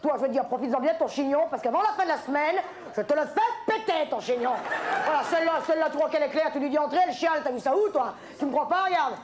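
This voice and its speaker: A woman comedian performing an exasperated, bossy stand-up sketch on a TV stage, ranting and at times shouting. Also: sits high, fast, a faint crowd. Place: TV studio stage with audience. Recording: archive TV stage recording with audience laughter. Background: audience laughter.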